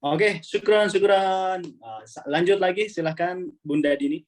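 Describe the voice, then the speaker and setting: A man teaching an online Arabic class over a video call, relaxed and chatty, often repeating words as he explains. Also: high-pitched, unhurried, a little hiss or hum.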